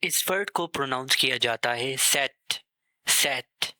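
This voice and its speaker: A man teaching a beginner lesson, saying each word slowly and repeating it twice. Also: medium pitch, pushed and bright, no room sound, low-quality recording. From South Asia. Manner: slow, clear, drills each sound twice. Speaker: language teacher.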